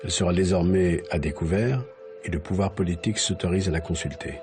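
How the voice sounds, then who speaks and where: A man reading scripted documentary narration in a formal, steady way. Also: low-pitched, a little fast, over music.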